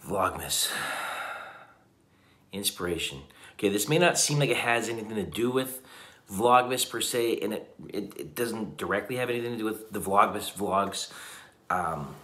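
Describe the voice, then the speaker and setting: A man in his fifties records a casual vlog at night in a hotel room, the camera on a table about an arm's length away. Tired but animated, he speaks at normal speed in a lowish, slightly bright voice that echoes off the room. His talk is earnest and reflective, broken by frequent restarts.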